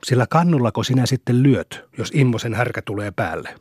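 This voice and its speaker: Excitable young country boy, as a narrator puts him on. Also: mid-range voice, breathy edge, no echo, studio quality. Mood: eager. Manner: curious, easily excited.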